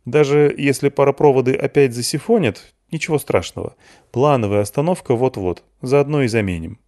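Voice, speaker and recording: A man's voice: mid-range voice, fairly quick, dark tone, pitched above the performer's own voice, close to an everyday voice. A man voicing an eager, nervous Soviet lab director. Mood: confident.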